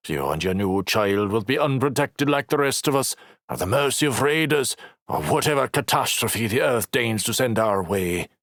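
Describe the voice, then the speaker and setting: A man narrating an audiobook voices a bitter, injured male crew leader with a rough, growling, scornful delivery. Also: medium pitch, lively intonation, moderate pace, fairly bright tone, no echo, clean studio sound, pitched above the performer's own voice.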